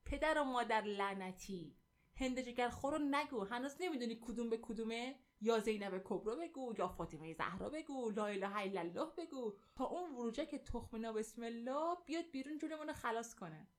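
A woman voicing an old grandmother who cries out slow, drawn-out laments. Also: a little high, animated, lightly acted. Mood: lamenting. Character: wailing old grandmother shouting from yard.

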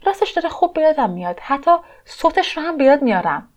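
A woman's voice: high voice, very animated. Woman voicing a pained, memory-haunted energy being. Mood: reluctant. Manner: pleading, agitated.

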